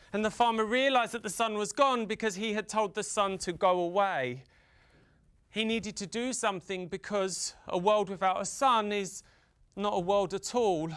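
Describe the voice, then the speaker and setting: Using dramatic pauses, repetition and stretched-out emphasis, a UK man performs a folktale for children as a storyteller. His voice is high and somewhat bright, and the tone comes through clean.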